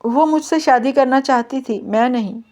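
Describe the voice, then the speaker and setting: A woman's voice: sits high, normal speed, warm tone, close to an everyday voice. A woman reading the part of a teasing, stubborn young husband in her own voice. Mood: irritated.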